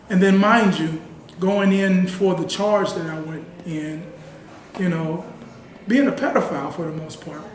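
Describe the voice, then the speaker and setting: A man with a high voice recounts his experiences in a sit-down interview, earnest and conversational. He is picked up from a distance by the mic. The room is roomy, with a faint hum of ambience behind him. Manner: earnest, conversational, heavy use of "you know". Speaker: interview guest. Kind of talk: personal storytelling in a sit-down interview.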